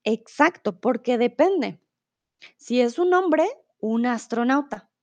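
A woman's voice: on the high side, lively intonation, a little mellow, no room sound. A woman from teaching Spanish on a live stream, reading viewers' chat aloud and encouraging them patiently. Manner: patient, encouraging, repeats words slowly and switches to English.

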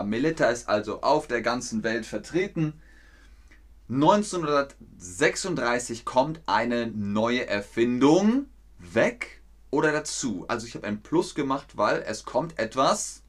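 A man teaching an online German lesson to learners, speaking slowly and clearly, repeating words and quizzing his viewers. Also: mid-range voice. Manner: lively, with quiz questions to viewers.

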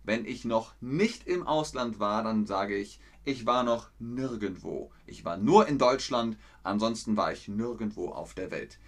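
A man teaching German in a live lesson, answering viewers' chat questions slowly and clearly with encouragement. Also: fairly low pitch, fairly bright tone. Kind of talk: live-streamed language lesson.

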